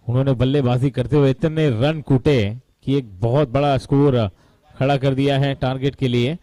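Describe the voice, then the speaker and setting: A man's voice: medium pitch, dark tone, no echo, poor audio. A man with an Indian accent doing live cricket commentary, dramatic, with rhyming wordplay and some English mixed in for the scores.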